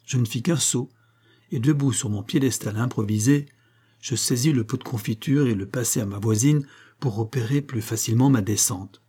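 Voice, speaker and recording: A man reads a classic short story aloud with measured, expressive pacing. His voice is dark and mellow, with a husky grain, at a middle pitch. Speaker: narrator. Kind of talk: literary audiobook reading.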